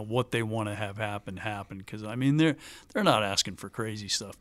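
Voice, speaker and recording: A man's voice: on the low side, a bit bright, no echo. Dry-voiced pilot man telling stories. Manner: conversational, laughs while telling stories. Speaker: presidential pilot, guest. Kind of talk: anecdotal interview storytelling.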